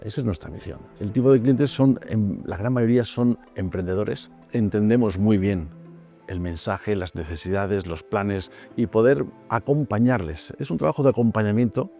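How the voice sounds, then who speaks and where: A man in his fifties from Madrid, a private bank executive speaking in a corporate interview, measured and pausing often with "eh". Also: on the low side, gravelly, warm tone, faint music behind. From Madrid, Spain. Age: 50s. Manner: measured, with frequent "eh" pauses.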